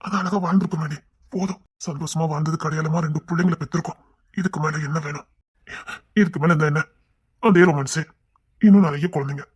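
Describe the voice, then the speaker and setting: A man voicing Kingston, a husky tender husband. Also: a little high, steady tone, quick pace. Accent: Kanyakumari Tamil. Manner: soft, tender, often hushed. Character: gentle young husband and father, Kingston. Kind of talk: cartoon web series voice acting.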